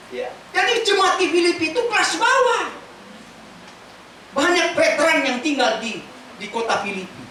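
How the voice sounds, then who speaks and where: A woman pastor delivers a lively sermon in a high, bright voice, quizzing her congregation as she goes. She sounds distant from the microphone, her words bouncing around a very reverberant church hall. A faint hum of room noise sits underneath. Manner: casual spoken Indonesian mixed with scripture teaching. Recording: very echoey church hall from far off.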